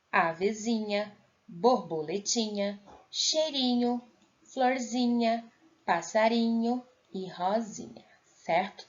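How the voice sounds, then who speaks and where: A woman schoolteacher with a Brazilian accent, going over homework answers in a recorded lesson and checking in often with her pupils. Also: medium pitch. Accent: Brazilian Portuguese. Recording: dull lo-fi audio.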